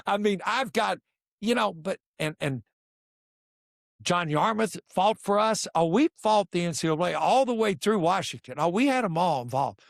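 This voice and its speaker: A man's voice: high-pitched, moderate pace, creaky, no echo, clean studio sound. An older man, a basketball coach telling stories in casual conversation and acting out the dialogue. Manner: animated storyteller acting out dialogue. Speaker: podcast guest, basketball coach.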